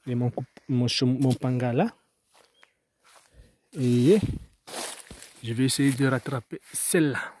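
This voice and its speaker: Man, Mahoran French accent, farmer vlogging outdoors, slow, mellow tone, halting and rambling. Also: mid-range voice, breathy edge. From Mayotte. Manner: hesitant, rambling, many restarts. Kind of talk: casual farm vlog. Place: outdoors in his garden.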